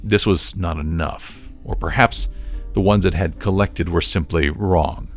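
Man, audiobook narrator, very deep voice, gravelly, slow and measured, faint music. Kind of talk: scripted narration.

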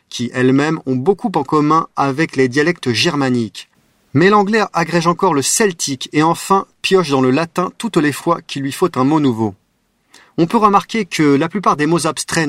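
Brief: male host, slightly high voice, dry close studio mic, measured scripted narration with wry asides. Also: a bit bright, no echo. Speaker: radio show host.

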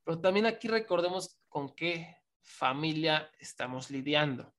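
Opinionated man, higher voice. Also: expressive, unhurried, fairly bright tone. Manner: opinionated, often ends phrases with a questioning tag. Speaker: wrestling podcast co-host. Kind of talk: casual podcast analysis.

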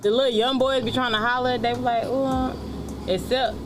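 A woman's voice: on the high side, steady tone, a little fast, music in the background. A woman in her twenties, blunt and profane, chatting on a casual podcast. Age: 20s. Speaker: podcast guest.

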